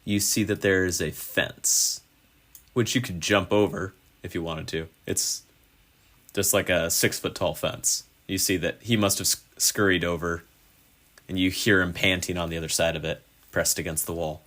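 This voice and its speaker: A man with a deep voice narrates a tabletop roleplaying game in a casual way. He describes each scene plainly and asks the players what they do. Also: fairly even intonation, moderate pace, fairly bright tone. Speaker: game master.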